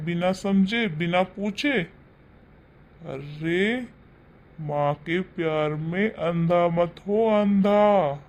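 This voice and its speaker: A man voicing a stern older father-in-law in an animated family drama, lecturing his son. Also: high-pitched.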